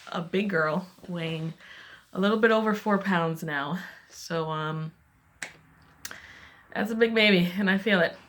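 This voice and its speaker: A young woman talking casually to her vlog viewers, chatty and a little out of breath, with lots of "um" fillers and excited bursts. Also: sits low. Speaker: vlogger. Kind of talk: casual personal vlog talk.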